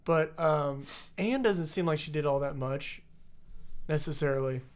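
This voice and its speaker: A young man co-hosting a podcast, chiming in with quick casual reactions and opinions. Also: fairly high pitch, smooth. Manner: reactive, short interjections. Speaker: podcast co-host. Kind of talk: casual chat.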